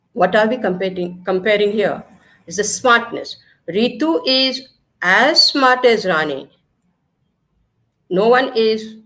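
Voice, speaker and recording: A woman's voice: on the high side, fairly bright tone. A woman with an Indian English accent teaching a grammar lesson, repeating key points and checking that the class follows. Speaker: school teacher. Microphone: recorded lesson video.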